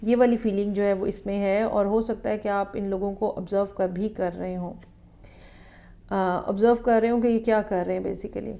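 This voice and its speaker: A woman giving a weekly tarot horoscope reading in a measured, explanatory way, often checking in with the listener. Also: medium pitch, steady tone, vocal fry, mellow. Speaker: tarot reader.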